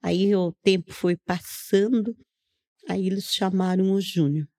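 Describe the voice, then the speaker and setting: A woman's voice: mid-range voice, steady tone, unhurried, warm tone. A middle-aged woman from Brazil, earnestly telling a personal testimony on a podcast, narrating step by step and acting out what others said. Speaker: guest giving a testimony. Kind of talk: casual storytelling on a podcast.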